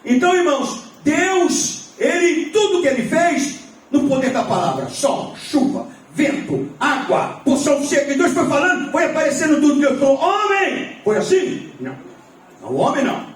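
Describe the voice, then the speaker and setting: A male pastor delivering a lively sermon, his voice unusually high and ringing. He shouts at his peaks and slips into jokes and little stories. The sound is cavernous and taken from a distance, with faint room noise behind. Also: normal speed. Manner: animated preaching with shouted peaks and humor. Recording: very echoey hall, mic at a distance.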